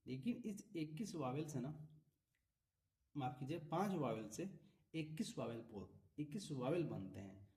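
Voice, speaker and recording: A male teacher explains English vowel rules step by step. He repeats each example word and keeps asking whether the listener follows. His voice is dark and mellow and sounds a little distant from the microphone. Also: medium pitch. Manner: patient, repeats examples, frequent tag questions. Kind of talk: classroom-style explanation. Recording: voice from a distance off the mic.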